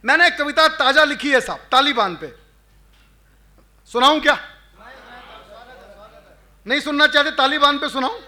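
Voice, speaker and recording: Poet guy on stage, super high voice, drags out every verse line. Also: pushed and bright. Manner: declamatory, chants refrains, stretches verse lines slowly. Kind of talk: live poetry recital with crowd banter. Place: live event before an audience.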